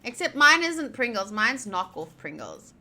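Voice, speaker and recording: Slight background noise sits under a young woman's very animated voice, a little high and pushed and bright, at a moderate pace. She's streaming a visual novel, reading its lines aloud and chatting casually, with a playful, sweary, slangy style.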